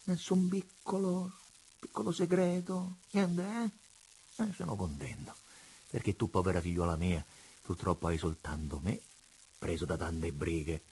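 A man reading aloud, voicing a middle-aged father who questions his daughter calmly and slowly, with teasing menace. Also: deep voice, breathy edge, heavily acted. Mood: probing. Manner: calm, slow, teasing questions. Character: middle-aged father, calm, probing, coolly cruel.

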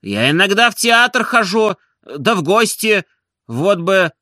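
A man voicing an idle, fussy gentleman who scolds his servant impatiently in a storybook reading. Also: a little high, big pitch swings, a little slow, no room sound, clean studio sound, exaggerated voice. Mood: scolding.

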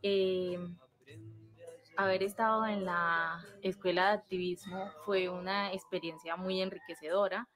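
A 24-year-old woman from Colombia giving a hesitant video testimonial with pauses. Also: fairly low pitch, fairly even intonation, fairly bright tone.

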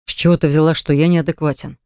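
A man's voice: on the high side, level tone, quick pace, clear, resonant tone, no echo, studio quality, natural voice. A man voicing a jealous young ex-fiancé who pleads earnestly to win her back, in an audiobook. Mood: insistent. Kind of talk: audiobook dialogue reading.

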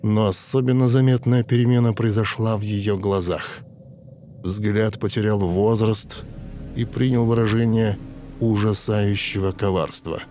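A man narrating a dramatic audiobook in a measured, expressive way. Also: lowish voice. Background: soft music.

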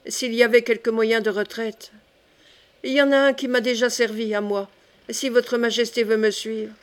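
A woman reading the part of a devoted young male gentleman who speaks urgently and pressingly. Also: on the high side, fairly even intonation, normal speed, natural voice. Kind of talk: audiobook character reading.

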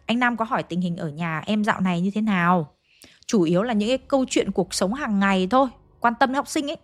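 A woman's voice: mid-range voice, quick pace, no room sound. A woman with a Hanoi accent retelling a ghost story in a chatty, dramatic way, speaking straight to her listeners. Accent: Hanoi Vietnamese.

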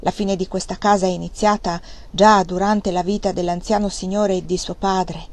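A woman reading an audiobook and voicing a sharp-tongued, scolding servant woman with a shrill voice. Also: level tone, moderate pace, natural voice. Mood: recounting. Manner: harsh and scolding.

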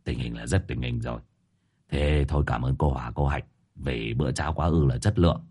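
A man voicing a pompous, self-important male exorcist who speaks slowly and solemnly in a storybook. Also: very deep voice, a little mellow, breathy edge, pitched below the performer's own voice, heavily acted. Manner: slow, solemn, mock-dignified.

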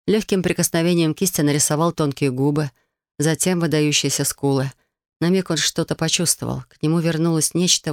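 A man reading a novel aloud as an audiobook narrator, in a calm, even storytelling manner. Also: fairly high pitch, dry recording, clean studio sound.

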